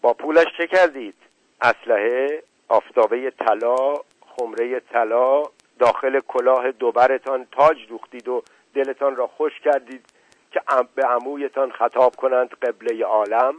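A man's voice: mid-range voice, steady tone, dry recording, close to an everyday voice, poor audio. A man voicing a stern, proud middle-aged landowner who speaks with scorn and lectures. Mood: angry.

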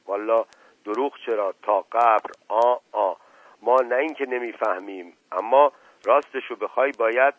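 A man's voice: medium pitch, dry recording, natural voice. A male narrator voicing a talkative, boastful old rustic servant with a folksy drawl full of stock hesitations, in a storybook reading. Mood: hesitant. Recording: tinny narrow-band radio sound, dry.

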